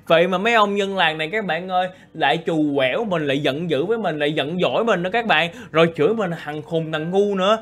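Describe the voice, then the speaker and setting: A man narrating a Minecraft role-play, excitable and full of exclamations and asides to viewers. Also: a little high, quick pace, few pauses. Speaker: gaming YouTuber.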